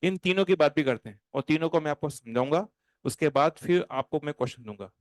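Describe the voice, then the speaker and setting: A man teaching chemistry to a class. He talks in an animated, playful way and slows right down when he dictates notes. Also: a little high. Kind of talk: classroom lecture. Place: classroom with students.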